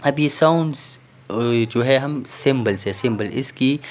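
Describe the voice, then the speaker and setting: A man giving a recorded lesson, explaining slowly and checking in with the listener after each point. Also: mid-range voice. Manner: explains patiently, repeats "theek hai" and fillers. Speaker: teacher. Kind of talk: recorded classroom lecture.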